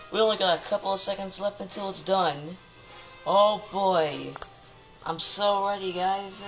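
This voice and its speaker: A young boy filming himself in a home kitchen on a phone, chatty and excitable, full of fillers and calls of "guys". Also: sits high, low-quality recording. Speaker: home cooking vlogger. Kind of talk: casual cooking vlog. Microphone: phone camera held close.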